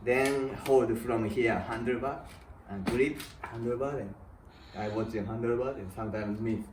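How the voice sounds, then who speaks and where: A man's voice: mid-range voice, moderate pace. A man with a non-native English accent chatting casually as a guest rider, in short broken phrases with simple grammar. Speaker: guest freestyle motocross rider. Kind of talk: casual unscripted chat. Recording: distant echoey sound, clear noise, clicks.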